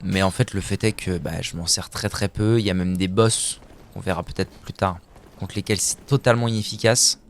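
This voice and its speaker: A man's voice: sits low, fairly even intonation, moderate pace, vocal fry. A young man chatting casually as he streams a video game, joking about himself and slipping into silly voices now and then. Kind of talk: casual live-stream commentary.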